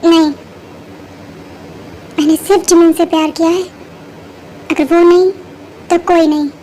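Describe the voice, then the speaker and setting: A woman's voice: extremely high pitch, level tone, unhurried, mellow, slight background noise. A woman voicing a gloomy, lovesick young man who speaks curtly in a fan-made audio drama dub. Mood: brooding.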